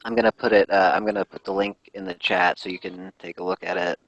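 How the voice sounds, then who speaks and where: Low-voiced man in a dry voice call. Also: very animated, quick pace, gravelly, a bit bright, dry recording, highs cut off. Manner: hesitant, filler-heavy, restarts. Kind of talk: casual voice call chat.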